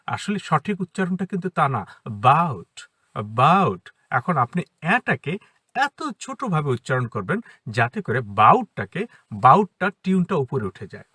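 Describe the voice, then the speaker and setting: A man with a Bengali accent giving a casual spoken English lesson from inside a parked car, explaining patiently and slowing down to model English sentences. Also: fairly high pitch, big pitch swings, bright, forceful tone, breathy edge, no room sound, distant mic. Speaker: English teacher, academy founder.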